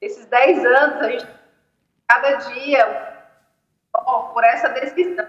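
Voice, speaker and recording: A woman's voice: high-pitched, steady tone, slow, fairly bright tone. A woman from Northeast Brazil calling in as a guest, her audio cutting out and dropping words. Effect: choppy call audio that keeps cutting out, words dropping. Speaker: call-in guest. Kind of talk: casual chat over a call. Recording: choppy, dull, echoey call line.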